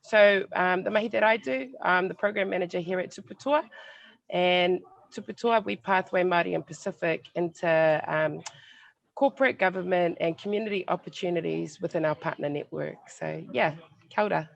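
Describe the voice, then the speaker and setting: A woman's voice: on the low side, normal speed, creaky. A woman introducing herself as a program manager on an online panel. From New Zealand. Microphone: video call. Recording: slightly dull video call audio.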